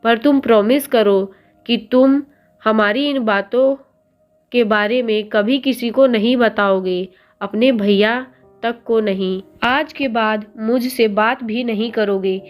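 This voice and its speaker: A woman's voice: fairly high pitch, slow. A woman voicing a hurt young wife who answers curtly and with exasperation in a storybook reading. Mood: firm. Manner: sharp, curt, exasperated.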